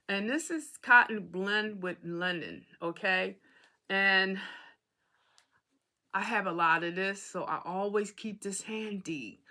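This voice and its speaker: A woman's voice: medium pitch, bright, forceful tone. A woman hosting an embroidery tutorial, explaining materials in a casual, chatty way and often checking in with "okay?". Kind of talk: casual how-to demonstration.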